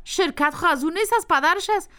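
An actress with an Afghan Dari accent playing a middle-aged mother who advises her daughter firmly. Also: very high voice. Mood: advising. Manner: warm advising, firm.

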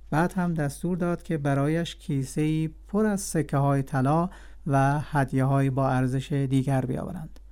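A man telling a classic tale as scripted narration, in a steady and clear storybook manner. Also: medium pitch.

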